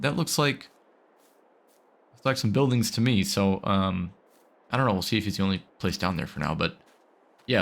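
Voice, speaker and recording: Lowish and gravelly, this gaming video host's voice carries the tail end of a cold. He rambles casually through gameplay commentary on a farming game, using lots of fillers.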